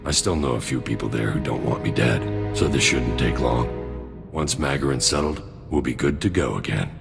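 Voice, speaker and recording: A cynical, greedy alien arms dealer and mercenary soldier speaks in an extremely deep, gravelly rumble at a moderate pace. In laid-back video game cutscene dialogue, he lays out his schemes in a dry, businesslike, sardonic way, with prominent music underneath.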